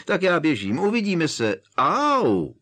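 A man's voice: a little high, huge pitch swings, a bit bright, pitched above the performer's own voice, full character voice. A man voicing a scruffy middle-aged male petty thief who sounds nervous and falsely breezy. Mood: hasty.

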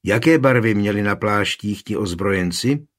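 Grave old war captain, voiced by a male reader, blunt and low, storybook reading. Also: close to an everyday voice. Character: gruff one-eyed veteran male commander.

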